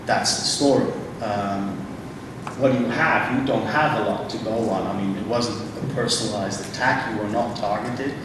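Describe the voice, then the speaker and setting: A man speaking on a conference panel, halting and restarting often as he thinks aloud. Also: on the low side. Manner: halting, many restarts and fillers. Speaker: panel speaker from a refugee agency. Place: large conference hall. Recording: echoey hall, distant mic, noisy.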